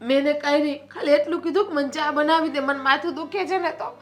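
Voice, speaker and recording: An actress playing a scheming elder sister-in-law in a family drama. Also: female voice, high-pitched, steady tone, fast talker, lightly acted. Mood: aggrieved.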